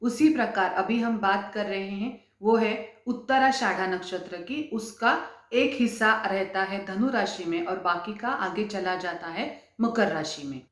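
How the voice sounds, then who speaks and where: A woman astrologer explaining her subject in a measured way, repeating key terms for clarity. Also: mid-range voice, roomy sound.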